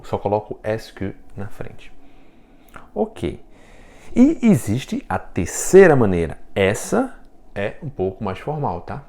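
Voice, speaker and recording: A man's voice: fairly low pitch, mellow. A man with a Brazilian Portuguese accent giving a casual video lesson as a French teacher, joking and laughing at his own puns and checking in with the viewer as he talks. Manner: chatty, checks in with "né?" and "tá?".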